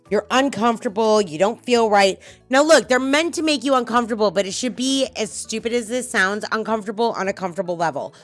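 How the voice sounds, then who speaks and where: Blunt, animated woman podcast host. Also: on the high side. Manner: blunt, swearing, animated storytelling. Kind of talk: casual podcast talk.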